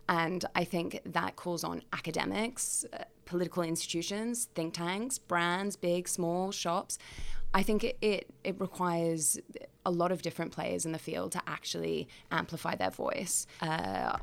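A woman's voice: lowish voice, vocal fry. A woman of twenty-three, a podcast guest, arguing her point emphatically and piling up examples. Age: 20s. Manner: emphatic, builds lists of points. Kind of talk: panel discussion.

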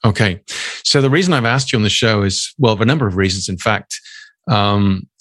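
A man hosting an interview, asking long questions in a measured way. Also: on the low side, a bit bright, dry recording, studio quality. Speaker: podcast host.

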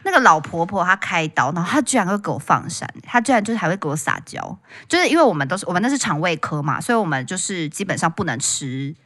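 A young woman co-hosting a podcast, talking in with a bright, forward tone. She chats fast and swoops up and down as she tells her stories, acting out each person she quotes. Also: lowish voice. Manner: animated storytelling, acting out the people she quotes. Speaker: podcast co-host. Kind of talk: casual chat.

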